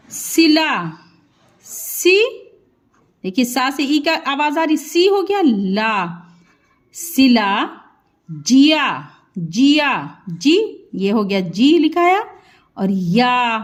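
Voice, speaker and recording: Slow, high-voiced woman teaching Hindi. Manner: sounds out syllables slowly and drawn out, then repeats the whole word. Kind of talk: slow dictation-style lesson.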